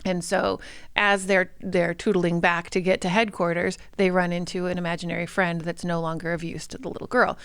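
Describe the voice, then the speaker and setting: A woman therapist talks in a relaxed podcast interview, her voice low with a gravelly edge. She tells stories in an easy way and laughs often. The sound is dry and close. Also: a little fast, no echo. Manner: warm storytelling, laughs often. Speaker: guest therapist.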